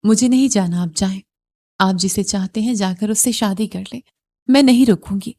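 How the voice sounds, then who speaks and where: A woman voicing a stubborn, hurt young wife in an audio novel who answers with sharp, reproachful retorts. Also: mid-range voice, natural voice.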